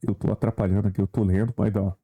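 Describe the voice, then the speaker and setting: A man's voice: on the low side, level tone, fast talker, mellow. A man teaching an online exam-prep law lesson, walking viewers through questions and asking them rhetorical questions along the way.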